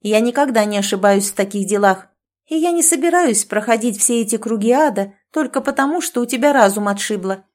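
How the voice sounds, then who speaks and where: A woman's voice: on the high side, lively intonation, fairly quick, darkish tone, close to an everyday voice. A woman voicing a domineering, self-certain female friend who lectures and commands in a sarcastic tone, in an audiobook. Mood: bossy. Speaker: language teacher.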